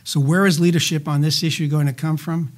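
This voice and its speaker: An older man answering interview questions as a healthcare finance advisor, measured and statistic-heavy with frequent "uh" fillers and dry asides. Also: a little high, flat delivery.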